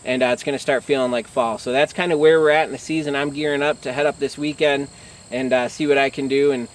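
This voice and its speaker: A man's voice: medium pitch, steady tone, fast talker, reverberant, distant mic, slight background noise. A middle-aged American man talking casually to camera as a hunting vlog host, conversational and matter-of-fact.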